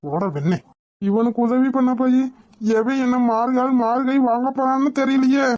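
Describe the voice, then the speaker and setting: A woman's voice: high-pitched, moderate pace, a little mellow, highs cut off, natural voice. A woman voicing a nervous, bossy young man driving a getaway car, with a snappy scolding manner.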